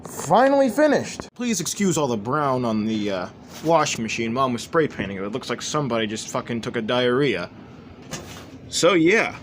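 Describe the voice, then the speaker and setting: With big swings in his mid-range pitch and a normal speed, a young toy customizing channel host chats casually while displaying a hobby project. He rambles in a self-deprecating, offhand way on a distinctly noisy home recording.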